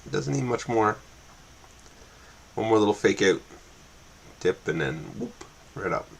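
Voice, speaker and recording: Thinking aloud over the chart, a man livestreams his day trading, muttering and repeating himself. He has a lowish, gravelly, animated voice at a slightly slow pace, recorded on a built-in or makeshift mic instead of a proper one, with slight background noise.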